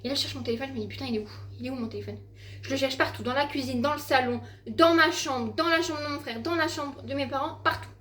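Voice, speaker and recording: A teenage girl vlogs at home into a handheld phone, rambling through an exasperated story packed with fillers and casual swearing. Her voice is high, bright, and racing.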